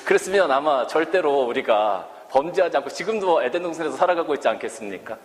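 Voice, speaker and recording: A male Korean pastor preaches with animated, sweeping intonation and many rhetorical questions. His voice rings through a reverberant church hall. Faint room ambience sits underneath. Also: fairly high pitch, fast, a little hiss or hum. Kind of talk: sermon.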